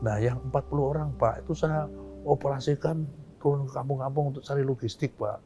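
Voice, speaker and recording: A respectful young rebel commander, as an older man recalls and acts him out, speaks in a voice pitched well above the narrator's own. He keeps deferring with "sir" at every turn, eager and obliging. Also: steady tone, brisk, dark tone, faint music behind, lightly acted. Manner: polite, keeps calling the listener sir.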